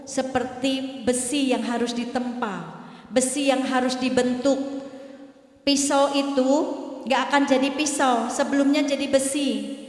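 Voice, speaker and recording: A middle-aged woman preacher giving an emotional sermon, telling a personal story and speaking to the women in the audience. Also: fairly high pitch. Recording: echoey hall.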